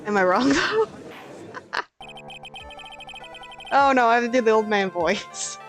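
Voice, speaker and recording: A woman's voice: on the high side, big pitch swings, slow, faint music behind. A woman gamer giving casual, candid, joking commentary as she reads through a story game.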